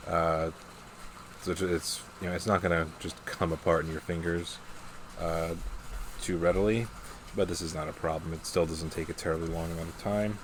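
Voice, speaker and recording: A man giving a casual hands-on review, talking in a measured, hesitant way as he thinks aloud. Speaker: pipe tobacco reviewer. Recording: clear steady background noise, vehicle-like rumble.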